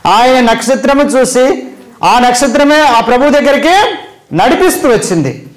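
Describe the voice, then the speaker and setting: A man's voice: very high-pitched, animated, unhurried, poor audio. A man preaching a Christmas sermon, emphatically asking the congregation questions and answering them himself, repeating phrases for stress. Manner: repeats phrases for emphasis, voice rising then dropping at line ends.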